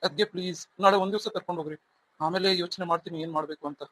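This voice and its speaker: A remorseful young husband in a cartoon story, earnest and pleading, as a man voices him. His voice is mid-pitched, and he talks quickly. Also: steady tone, fairly bright tone, poor audio.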